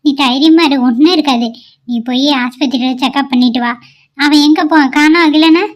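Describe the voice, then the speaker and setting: With a high, brisk voice close to how she normally talks, a woman acts out a cartoon's anxious, tender middle-aged mother-in-law. The character shifts between calming words and fretting, calling on god.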